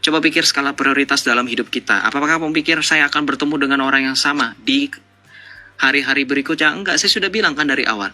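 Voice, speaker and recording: A man with a very bright, forceful, piercing voice hosts a live debate stream. He lectures and needles his callers, firing rhetorical questions and scoffing at their answers. His tone stays combative and sure of itself. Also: medium pitch, fast talker, faint music behind.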